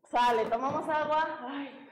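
Instructora mexicana de voz alta y aguda; cuenta en voz alta, bromista y animada. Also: female voice, high-pitched, measured pace, rough recording. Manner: counts reps aloud, teasing and upbeat. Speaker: fitness instructor. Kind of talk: live online workout class.

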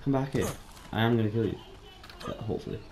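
A man giving casual, chatty let's-play commentary as a game streamer, excitable and prone to sudden startled yelps. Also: fairly low pitch, quick pace. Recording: roomy echo, faint noise.

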